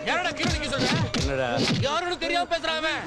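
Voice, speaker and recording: An actor playing an arrogant city rowdy in a film, barking and scornful. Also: male voice, very high-pitched, huge pitch swings, quick pace, loud music behind the voice, exaggerated voice.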